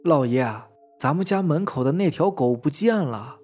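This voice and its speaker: Man doing a halting frightened steward. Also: fairly high pitch, expressive, a little mellow, breathy edge. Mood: hesitant fear. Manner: hesitant, halting. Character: nervous loyal middle-aged male steward.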